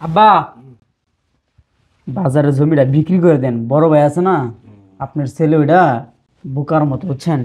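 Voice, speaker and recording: A man's voice: on the high side, moderate pace, long pauses, mellow, lightly acted. A man playing a greedy, insolent son-in-law who mocks and demands money. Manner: mocking, wheedling, insolent. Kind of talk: web drama acting.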